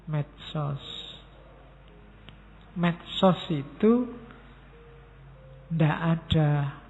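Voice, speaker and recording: Male lecturer, Javanese accent, rather high gravelly voice; lo-fi recording in a big echoing hall. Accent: Javanese-inflected Indonesian. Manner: talks straight to the audience, acts out quoted messages in different tones. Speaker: university lecturer giving a public lecture. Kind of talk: philosophy study lecture. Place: large mosque hall. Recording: tinny lo-fi sound in a reverberant hall.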